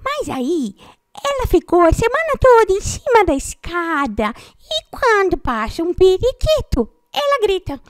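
A woman from São Paulo voicing her pet male parakeet, a sweet, friendly little bird, talking slowly and playfully. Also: very high voice, very animated, no echo, studio quality, heavily acted. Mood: chatty. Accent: Brazilian Portuguese, São Paulo. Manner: slow, playful, childlike storytelling.

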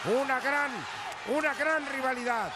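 Mexican guy commentating lucha libre, super high voice, joking and teasing, loud arena racket. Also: measured pace, over a noisy crowd. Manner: wisecracking, teasing. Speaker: wrestling commentator. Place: ringside commentary table in indoor arena. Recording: loud arena noise throughout.

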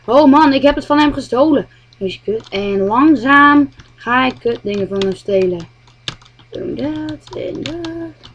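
A woman muttering commentary while playing a game, swearing a lot and often speaking quietly. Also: a little high, normal speed, highs cut off, a little hiss or hum. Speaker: gamer. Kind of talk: gameplay commentary.

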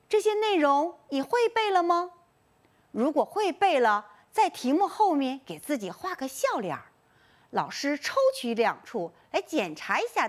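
Woman, primary teacher in a recorded lesson; high, very animated, coaxing. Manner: lively, coaxing classroom delivery with drawn-out task titles. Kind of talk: recorded online lesson for first graders.

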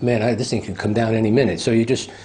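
A man's voice: lowish voice, steady tone, fast, darkish tone, slight background noise. A man, a father who joined the search, earnestly recalling going into the rubble. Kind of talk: interview recollection.

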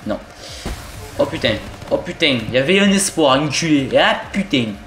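A young man with a southern French accent talks through a shooter match in quick, excitable bursts, swearing often and tossing in jokey asides. His voice sits a little high. The room is echoey, and faint game music plays behind him. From southern France. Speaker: gaming YouTuber. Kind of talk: live gameplay commentary. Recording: roomy home recording with game music.

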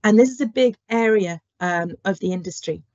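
On an online careers talk, a horticulture lecturer and curriculum lead battles a cold and cough, explaining in a friendly manner peppered with ums. Her mid-range voice has a darkish tone and moderate pace, captured dry and dull through a webcam or headset on a video call.

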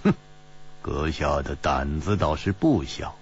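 A man's voice: a bass voice, lively intonation, unhurried, muffled recording, slight background noise, voice pushed down. A man voicing a cold, sneering male swordsman in a storytelling audiobook.

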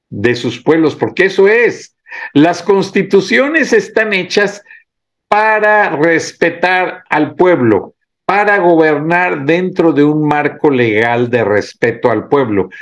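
A middle-aged man with a voice on the high side delivers indignant political commentary on camera. Now and then he stops to read legal text aloud, slowly and deliberately.

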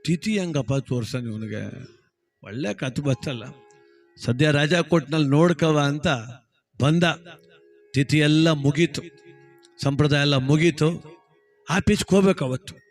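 High-voiced comic storyteller. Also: male voice, unhurried, pauses often, soft background music. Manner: chatty, teasing asides. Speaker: comedy storyteller. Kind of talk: folk comedy storytelling.

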